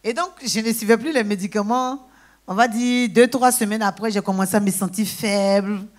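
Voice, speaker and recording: A woman giving a lively personal testimony in church, breaking into praise exclamations and acting out conversations. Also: medium pitch, normal speed. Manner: exclaims praise, acts out dialogue.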